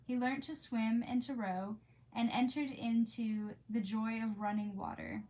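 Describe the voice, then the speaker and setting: A woman streamer with a slightly high, dark voice reads storybooks in an unhurried way with fairly even intonation. Between pages she chats casually with viewers, gushing and rambling, against a clearly noisy background.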